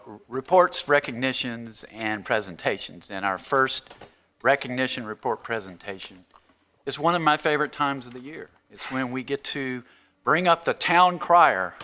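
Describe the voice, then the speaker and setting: A man's voice: mid-range voice, normal speed, bright, forceful tone. A man chairing a council meeting as mayor in a formal, matter-of-fact procedural manner, indoors in a council chamber. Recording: clear background noise and clicks.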